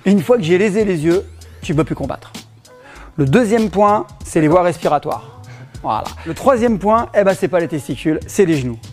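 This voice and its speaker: A man's voice: high voice, expressive, normal speed, a little mellow, soft background music. A middle-aged man with a French accent teaching self-defense in a casual demonstration, joking and laughing often as he explains.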